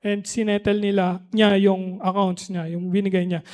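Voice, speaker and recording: High-pitched man preaching a casual sermon, reads verses slowly and keeps asking the room to agree. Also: level tone, a little mellow. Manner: conversational preaching, frequent "di ba?" tag questions; switches between Tagalog and English mid-sentence. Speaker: pastor.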